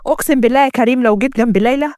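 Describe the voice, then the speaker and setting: Woman voicing a young egyptian husband, intense, earnest, quick. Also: sits high, darkish tone, dry recording, clean studio sound, close to an everyday voice. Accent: Egyptian Arabic. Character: young husband, once blind, proud and hurt.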